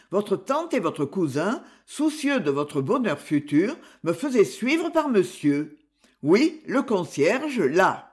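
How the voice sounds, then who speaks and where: A reader voicing a confident young gentleman detective, explaining his reasoning in a measured, storytelling way in an audiobook. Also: mid-range voice. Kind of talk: audiobook character reading.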